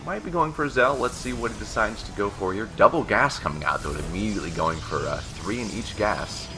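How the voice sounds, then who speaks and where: A man's voice: lowish voice, animated, a little fast, music in the background. A man giving joking play-by-play commentary on a strategy video game match. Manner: joking, banters with co-caster. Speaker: esports caster.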